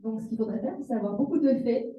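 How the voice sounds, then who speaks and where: A woman with a fairly high-pitched voice talks fast while consecutively interpreting a seminar, phrase by phrase. Her rendition of the examples is expressive, and she corrects herself at times, all captured in a roomy, slightly dull recording.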